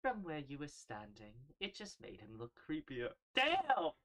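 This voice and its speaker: A man's voice: medium pitch, normal speed, a crowd in the background. A man streaming a story game, reading the text aloud and commenting casually, often laughing and correcting himself. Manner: animated, laughing, swearing, self-correcting.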